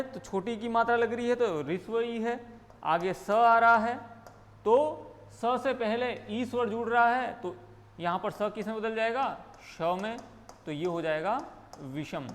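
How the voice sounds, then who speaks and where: A man with a Rajasthani accent teaches grammar in a high voice. He walks through each rule step by step, posing questions and answering them himself. His voice carries a long, reverberant echo. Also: a little slow, fairly bright tone. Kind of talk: Hindi grammar lesson.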